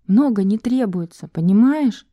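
A woman voicing a calm, cautious young woman who is patient and persuasive, talking earnestly and insistently. Her voice sits well above her narrating pitch. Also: a little slow, no echo, lo-fi sound, lightly acted. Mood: gentle.

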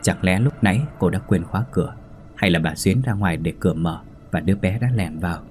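A man narrating a ghost story in a steady, measured storytelling voice. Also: low-pitched. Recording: faint background music.

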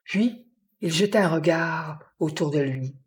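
A woman narrating a novel as an audiobook in a measured, deliberate reading. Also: low-pitched.

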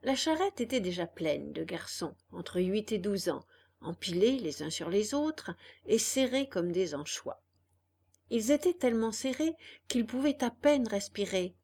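A woman narrating a children's story aloud in a lively, expressive reading. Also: mid-range voice, unhurried, husky. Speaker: audiobook narrator.

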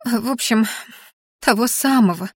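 A woman voicing a fussy, excitable furry male creature who serves as a governess, squealing and flustered. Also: a little high, normal speed, husky, no echo, studio quality, voice pushed up. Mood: fawning. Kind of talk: audiobook character voice.

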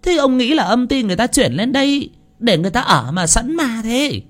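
A man voicing a bossy, short-tempered landlord's wife who scolds sharply in a high voice. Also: very animated, a little fast. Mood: scolding.

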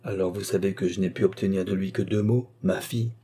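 An earnest notary lays out the law in measured, insistent sentences, as a male storybook reader puts him on. The voice sits somewhat low, with a dark, husky grain. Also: fairly even intonation. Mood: formal. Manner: formal, insistent legal phrasing. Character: earnest middle-aged male notary, formal.

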